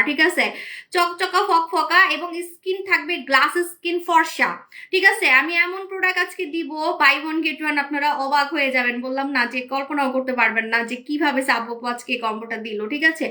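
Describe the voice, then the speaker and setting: A woman hosting a live-stream sales pitch for beauty products, hyped and repetitive, answering viewer comments as she goes. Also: pushed and bright. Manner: repetitive, hyped, keeps saying "okay". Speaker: online shop host selling beauty products.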